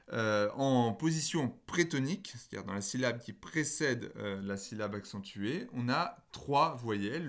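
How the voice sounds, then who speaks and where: A man giving a phonology lecture in a patient, explanatory way. He hesitates with fillers, corrects himself, and slows down to spell out example words. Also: medium pitch. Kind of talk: recorded university lecture.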